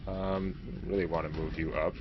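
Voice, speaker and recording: A man's voice: low-pitched, level tone, moderate pace, highs cut off, noisy background. A man giving casual gameplay commentary as a let's play host, chatty and self-mocking as he thinks aloud. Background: game music.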